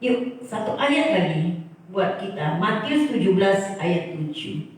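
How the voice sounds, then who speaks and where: A woman's voice: mid-range voice, very animated, slow pace, a little mellow. A woman preaching a sermon to her congregation, speaking emphatically and often exclaiming. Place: church hall. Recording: echoey hall, far from mic.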